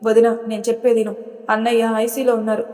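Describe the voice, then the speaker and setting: A man's voice: extremely high pitch, completely flat delivery, fast, a little mellow, big-room sound. Woman playing an earnest young brother. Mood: insistent. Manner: earnest, insistent. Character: young man, family's protective younger son.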